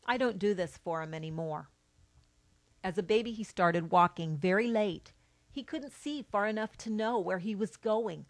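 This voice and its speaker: A middle-aged woman reads her own account aloud, a mother speaking plainly and evenly. Her pitch sits in the ordinary middle range for a woman, and she keeps a calm, matter-of-fact delivery. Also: moderate pace. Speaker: mother of a child with albinism. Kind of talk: read-aloud personal account.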